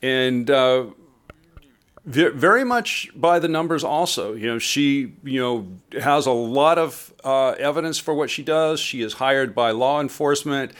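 A man speaking as a co-host on a radio show, casual, pausing often with fillers. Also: medium pitch, a bit bright. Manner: hesitant, many fillers and restarts. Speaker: co-host reporter.

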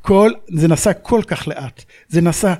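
A man in his seventies, a war veteran recounting his memories in an interview, acting out the radio calls as he goes. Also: on the high side. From Israel. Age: 70s. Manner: animated storyteller who acts out radio calls.

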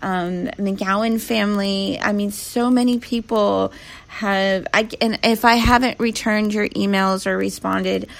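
A woman host in a casual spiritual chat, who talks softly and gratefully with many fillers. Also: mid-range voice, steady tone, unhurried, creaky, no echo.

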